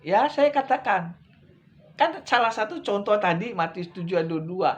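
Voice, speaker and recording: A male evangelist preaching a sermon, repeating his points and swinging from loud, urgent lines to hushed ones, speaking straight to his listeners. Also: sits high, normal speed. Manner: addresses listeners directly as brethren.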